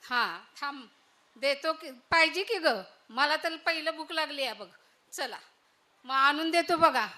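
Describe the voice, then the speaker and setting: A woman doing a crabby old village mother-in-law, high bright voice, slow and whiny. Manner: grumbling, loud calls and complaints. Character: older village mother-in-law, scolding, self-pitying. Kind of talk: solo stage monologue.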